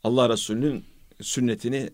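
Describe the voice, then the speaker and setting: A man's voice: mid-range voice, steady tone, a little fast, dry recording. Reflective man on a dry studio mic. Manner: reflective, speaks with religious phrases. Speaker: radio host. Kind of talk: casual radio chat.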